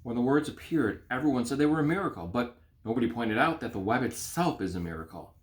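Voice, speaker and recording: A man reading a children's story aloud in an expressive, animated way. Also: medium pitch, quick pace.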